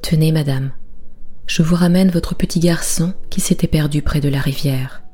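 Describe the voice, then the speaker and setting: A woman voicing a big, kindly bearded workman who speaks gently and reassuringly. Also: low-pitched, steady tone, normal speed, husky, faint music behind. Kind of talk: storybook character voice.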